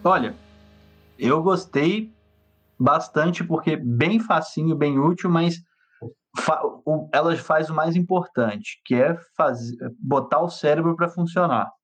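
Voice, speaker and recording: Guy on a podcast, slowish and thoughtful, a bit high. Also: soft background music. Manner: thoughtful, slow, hesitant. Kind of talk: casual podcast chat.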